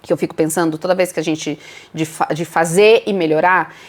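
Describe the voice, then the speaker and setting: A woman with a Brazilian accent, co-hosting a casual motivational talk as a speaking coach, lively and teacherly, acting out what her students say. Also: low voice, a little fast. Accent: Brazilian Portuguese.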